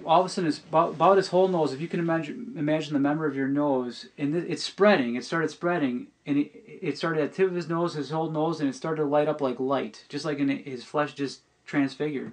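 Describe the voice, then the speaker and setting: A middle-aged man telling a personal testimony on a podcast, earnest and halting, often restarting and repeating words. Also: on the high side.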